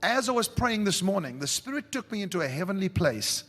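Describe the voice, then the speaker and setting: Fervent preacher. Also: male voice, high voice, very animated, a little fast. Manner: fervent, rising to shouts, talks to the audience. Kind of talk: prophetic sermon to a congregation. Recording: long hall reverb with faint music.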